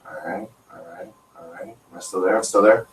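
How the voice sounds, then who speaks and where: A man's voice: low-pitched, fairly even intonation, a little fast, noisy background. A man co-hosting an internet radio show in casual chat, rambling and joking with many restarts, recorded at a desk mic in a small studio. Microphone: desk radio microphone. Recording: roomy, distant from the mic.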